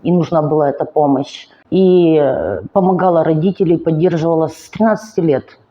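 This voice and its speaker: A woman's voice: low voice, dull audio. A woman, telling her own life story in an earnest, emotional vlog monologue, weary and speaking with effort. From Ukraine. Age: 40s. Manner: earnest, emotional, slow and halting. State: weary, finds speaking hard. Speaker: vlogger. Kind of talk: personal confessional monologue.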